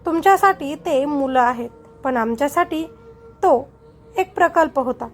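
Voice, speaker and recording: A woman voicing a calm, smug villain. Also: high voice, a little slow, faint music behind. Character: calm, cold villainous rich man. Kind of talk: storybook narration.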